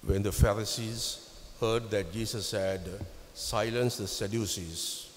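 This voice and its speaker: A man serving as priest, reading the gospel and preaching in a slow, measured way with occasional fillers, his voice carrying a cathedral echo. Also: fairly low pitch, steady tone, a little hiss or hum. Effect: cathedral echo, long church reverb. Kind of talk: liturgical reading and homily. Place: large church. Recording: long reverb in a large church.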